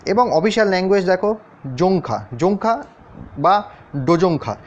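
A man's voice: fairly high pitch, moderate pace, a little hiss or hum. A man teaching an exam-prep lesson over a map, talking straight to his students and checking in with them often. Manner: addresses students directly, often checks in with questions. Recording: dull, lo-fi sound.

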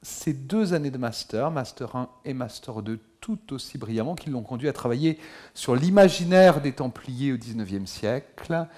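A man's voice: mid-range voice, expressive, a little mellow. Middle-aged man giving a courteous address. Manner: courteous, measured and formal. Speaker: historian and lecture host. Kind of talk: formal public address. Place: lecture hall.

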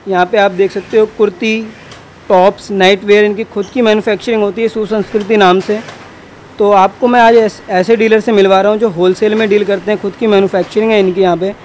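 Interviewing people in a garment factory's workroom and sample room, a man in his twenties hosts a video and talks to camera with a windscreened handheld mic. His high-pitched, darkish voice barely varies in pitch and runs a little fast, with slight background noise, and he often repeats answers back for viewers.

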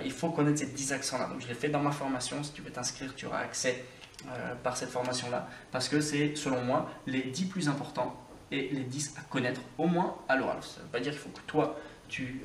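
A man's voice: mid-range voice, a little hiss or hum. Chatty man teaching, roomy distant sound. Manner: addresses the viewer directly and informally. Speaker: English teacher. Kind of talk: casual video lesson.

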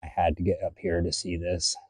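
Low, husky man filming a visit. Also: little pitch movement, a little fast, no echo. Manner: easygoing, curious questions. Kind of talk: casual handheld vlog chat. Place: outdoors at an animal enclosure.

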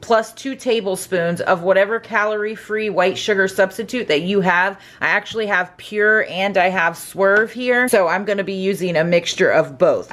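In her home kitchen, a middle-aged cooking vlogger gives a casual, upbeat voice-over, chatting through each step as she cooks. Her voice is mid-range and a little bright.

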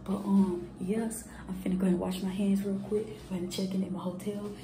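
A woman's voice: mid-range voice, little pitch movement, fast talker, roomy sound, rough recording. A woman in her thirties talking casually to her phone camera in a car and a hotel bathroom, blunt and profane, repeating herself as she chats. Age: 30s. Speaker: vlogger. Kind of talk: casual vlog talk to camera. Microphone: phone held close at arm's length.

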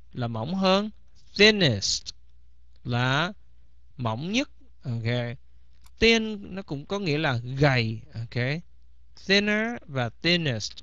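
A man's voice: a little high, a bit bright, no echo. A man teaching English vocabulary in a bilingual lesson, repeating each word several times. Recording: slightly dull, dry recording.

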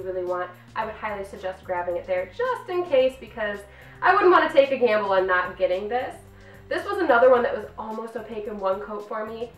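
Female host, 30s, upbeat review vlog; echoey room, distant mic. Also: medium pitch. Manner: bubbly and gushing. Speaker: nail polish reviewer. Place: home filming room. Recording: roomy, distant mic, faint music.

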